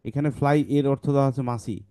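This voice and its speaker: A man teaching children phonics in an online class over a video call, sounding out each blend slowly and repeating it several times. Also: medium pitch, dark tone, clear, resonant tone, no echo, studio quality.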